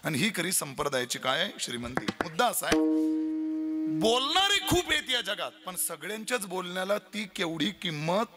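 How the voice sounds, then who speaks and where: A young man giving a devotional sermon, telling a story with animated repetition. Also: sits high, normal speed, loud music behind the voice. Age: young adult. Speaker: kirtan preacher.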